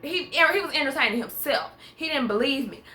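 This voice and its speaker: Animated young woman telling a story, bright voice. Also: sits high, fairly quick. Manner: animated, acts out quoted dialogue. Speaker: vlogger. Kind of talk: casual storytelling to camera. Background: soft background music.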